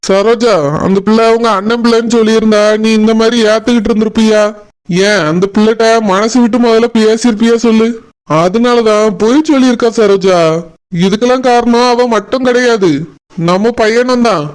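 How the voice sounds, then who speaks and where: Man voicing a gentle village father. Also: very high-pitched, fairly even intonation, brisk, smooth. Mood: soothing. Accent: Tirunelveli Tamil. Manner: gentle, reasoning, soothing. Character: calm patient village father consoling wife. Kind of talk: cartoon voice acting.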